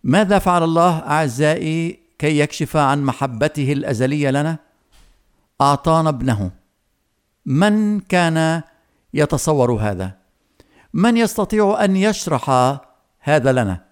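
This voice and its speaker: A man preaching a sermon, speaking earnestly and slowly, addressing the listeners directly with questions. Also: a little high, lively intonation, clean tone.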